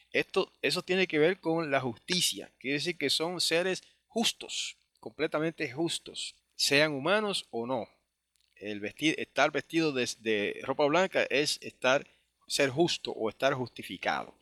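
Bright-voiced man teaching scripture. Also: medium pitch, no echo, studio quality. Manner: conversational, with frequent tag questions; reads scripture slowly in Hebrew. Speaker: Bible teacher. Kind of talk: Bible study teaching.

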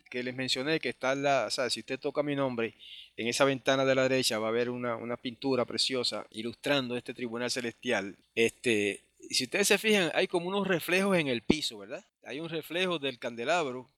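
A man teaching a Bible study in a conversational way, often asking "right?", and slowly reading verses aloud in Hebrew. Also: mid-range voice, a bit bright, no room sound. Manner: conversational, with frequent tag questions; reads scripture slowly in Hebrew.

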